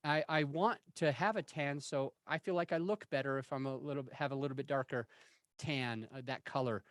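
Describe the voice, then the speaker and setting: A man's voice: medium pitch, fairly quick, no echo. Candid man in his forties, dry sound. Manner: candid, self-deprecating, rambling with restarts. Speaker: interview guest. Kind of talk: casual interview storytelling.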